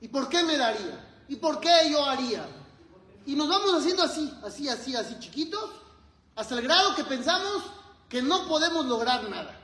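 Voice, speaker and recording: A man's voice: extremely high pitch, very animated, moderate pace, pushed and bright, roomy sound, poor audio. A man, a rabbi, giving a sermon and telling stories with acted-out dialogue. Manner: storytelling, acts out dialogue in quotes.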